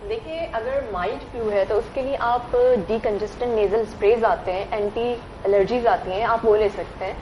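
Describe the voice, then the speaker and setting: A woman doctor on a talk show who calmly explains medical advice. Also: on the high side, few pauses, dull audio, slight background noise. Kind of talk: casual chat.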